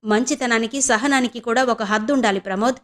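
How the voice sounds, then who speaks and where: A woman's voice: a little high, brisk, fairly bright tone, lightly acted. A woman voicing an angry middle-aged wife who scolds bluntly in an audio novel. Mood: indignant. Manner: indignant, scolding.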